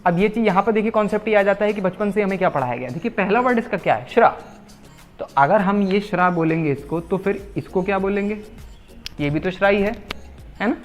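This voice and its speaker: A man teaching correct Hindi spelling, repeating words slowly and asking the viewers rhetorical questions. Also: high voice, soft background music. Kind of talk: explaining spelling at a whiteboard.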